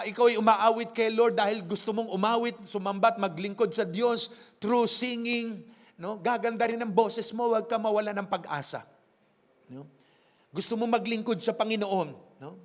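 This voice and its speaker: A man's voice: high voice, long reverb tail. A man with a Filipino accent preaching a sermon as pastor, switching between Tagalog and English and tagging phrases with a questioning "no?". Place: church.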